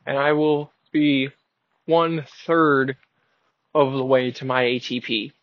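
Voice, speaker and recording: Slow and fairly even in intonation, a mid-range male voice belongs to a podcast host in his early twenties who drives while thinking aloud, wry and self-mocking. There's no room sound, and the recording quality is dull and lo-fi.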